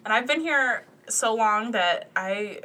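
Very animated young woman telling stories. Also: a little high, takes it slowly, slight background noise. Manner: animated, acts out quoted dialogue. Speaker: podcast guest. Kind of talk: casual anecdote telling.

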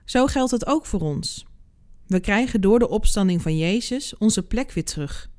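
A woman hosting a devotional podcast, reading a Bible passage and reflecting on it in a calm, measured way. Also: mid-range voice.

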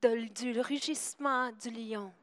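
A woman's voice: fairly high pitch, takes it slowly, a bit bright. Quebec French woman interpreting a sermon. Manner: echoes the preacher's rising intensity, some hesitations. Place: church hall.

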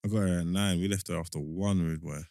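A man's voice: deep voice, steady tone, quick pace, mellow, no room sound, clean studio sound. A man with a London roadman accent, bantering casually as a podcast host in street slang. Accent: London, urban roadman street slang.

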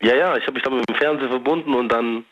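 A young man from Germany calling into a radio show over a home phone line, speaking in a halting, hesitant way. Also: medium pitch, a bit bright, soft background music. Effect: heard over a home phone line. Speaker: radio caller.

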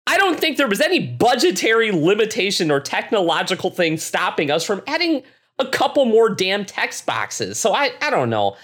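A man co-hosting a casual podcast, talking in animated rants with frequent restarts. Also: sits high, normal speed, breathy edge. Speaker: podcast co-host.

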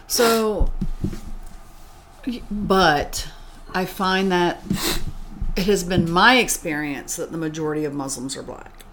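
Blunt low-voiced woman podcast host. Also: slow, pauses often, fairly bright tone, slight background noise. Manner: blunt, curious, swears casually. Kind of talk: casual interview chat.

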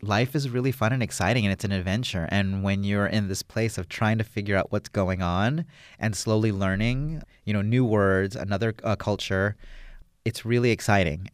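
A film director and native English speaker answers interview questions casually, rambling enthusiastically with plenty of fillers. His voice is lowish and a bit fast, captured in a dry, clean studio recording.

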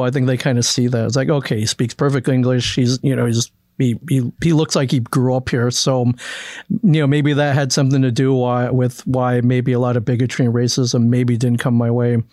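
Midwestern man, interview guest; storytelling with many restarts, animated when quoting others; mid-pitched, dry. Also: normal speed, no echo. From American Midwest. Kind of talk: casual conversation.

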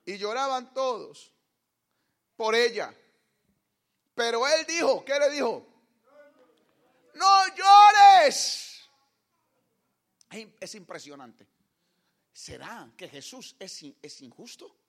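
A man's voice: high voice, sing-song, a little slow, long pauses, fairly bright tone. A man preaching a fervent sermon full of emphatic rhetorical questions.

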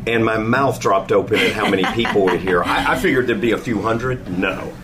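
Male show host at a racetrack, casual and keen, a bit off-mic with clear ambient noise. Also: on the low side, fairly quick, distant mic. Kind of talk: enthusiastic casual interview hosting. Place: at a speedway beside the race.

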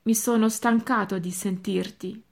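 A woman reading the lines of a grown nephew who complains petulantly to his uncle, voicing him slightly louder and plaintive. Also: medium pitch, steady tone, measured pace, gravelly. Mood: resentful.

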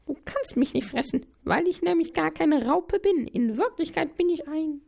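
A tiny talking spaghetti noodle squeals its protests in a high, shrill voice, as a woman puts it on. It is a cheeky little trickster from a children's audio story, insistent and quick to argue its way out of trouble. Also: animated, gravelly, a little mellow.

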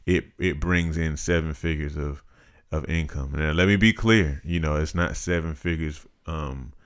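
A man in his thirties co-hosting a podcast, talking in a measured, reflective, casual way. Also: a bass voice. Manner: measured, reflective, practical-minded. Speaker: podcast co-host. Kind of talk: casual chat.

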